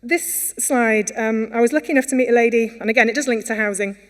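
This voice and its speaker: This is an earnest talk at a conference by a Welsh woman whose voice runs on the high side and moves at a quick pace. Fillers and false starts pepper her delivery, which echoes with long hall reverb.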